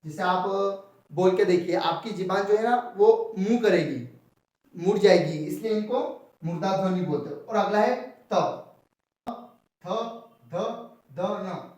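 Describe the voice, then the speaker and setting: A young male teacher explains a lesson step by step and keeps asking what something is called before he answers himself. His voice sits high. He sounds distant in a strongly echoing room. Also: measured pace, long pauses, a little mellow. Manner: repeats key terms as rhetorical questions. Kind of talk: explanatory Hindi grammar lesson. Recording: echoey room, voice from far off the mic.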